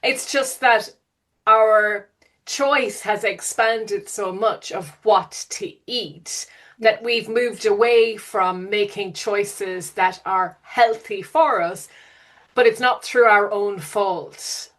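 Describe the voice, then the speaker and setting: A woman hosting an interview, asking questions and reflecting in a thoughtful, measured way. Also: medium pitch, fairly bright tone. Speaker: podcast host.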